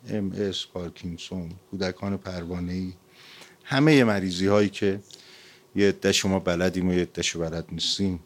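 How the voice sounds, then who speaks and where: A man preaching a religious sermon, retelling stories with fervent, repeated emphasis. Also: low voice. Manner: fervent, repetitive emphasis, lively story retelling.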